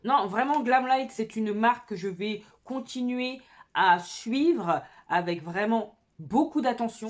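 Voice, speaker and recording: A woman beauty vlogger talking casually and enthusiastically to her viewers while she does her makeup. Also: a little high. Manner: chatty, enthusiastic, addresses viewers directly. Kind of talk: casual makeup tutorial chat.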